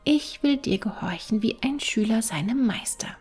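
A woman voicing a meek, eager little hare in a storybook, soft and pleading. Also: fairly high pitch, lively intonation, moderate pace, breathy edge, soft background music.

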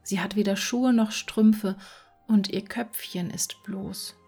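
A woman voicing a selfless, sorrowful prince statue in a whispered role-play, gentle in manner. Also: mid-range voice, steady tone, slow pace, husky, soft background music.

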